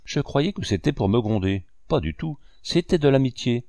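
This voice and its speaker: A man narrating a first-person memoir in a steady, measured way. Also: medium pitch, dry recording, studio quality. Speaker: audiobook reader.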